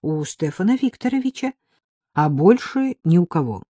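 A woman voicing a timid young woman servant who frets and pleads, speaking in a raised, mellow voice in an audiobook. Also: on the low side, sing-song, moderate pace, no room sound. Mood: anxious. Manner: pleading, fearful.

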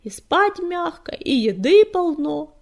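A woman's voice: extremely high pitch, big pitch swings, slow, creaky, voice pushed up, heavily acted. A woman voicing a weary tomcat leader. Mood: wry. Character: weary young male tomcat clan leader.

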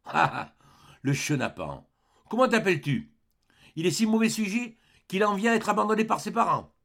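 A gruff, scolding old showman, put on by a man reading aloud, bellowing short commands in a raised, gravelly voice that swings widely. He sounds brusque and rough, a storybook grump. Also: on the high side, wildly swooping pitch, moderate pace, voice pushed up, heavily acted. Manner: barking, shouting commands.

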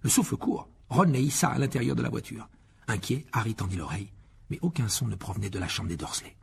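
A man narrating an audiobook in an expressive reading style. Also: lowish voice, quick pace, creaky, noisy background. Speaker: audiobook reader.

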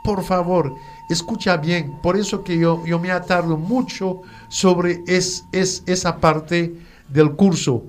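A man teaching French pronunciation in a lesson, repeating and spelling out words slowly for the listener. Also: sits high, fairly even intonation. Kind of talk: language lesson.

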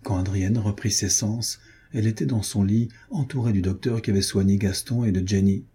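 A man narrates a novel in a measured, composed way. His voice sits low, very dark and mellow, with a husky grain. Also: steady tone. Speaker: audiobook narrator. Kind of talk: scripted narration.

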